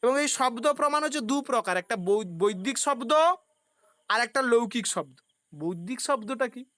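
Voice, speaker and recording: A woman's voice: fairly high pitch, expressive, normal speed, fairly bright tone, dry recording, clean studio sound. A woman teaching a philosophy exam-prep class. She poses questions, answers them herself, and uses everyday examples.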